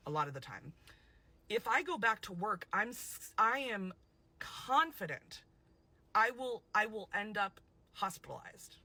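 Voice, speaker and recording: Bright-voiced woman, halting and candid. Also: mid-range voice, sing-song, no room sound. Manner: halting and candid, with fillers and trailing phrases. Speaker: clip speaker being reacted to. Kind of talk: personal talk to camera.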